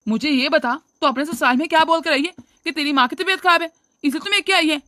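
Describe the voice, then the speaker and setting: Reproachful cartoon dad, woman voicing, high bright voice, dry recording. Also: fast, no room sound. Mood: scolding. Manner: lecturing, reproachful. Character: stern scolding older father-in-law, man. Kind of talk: cartoon voice acting.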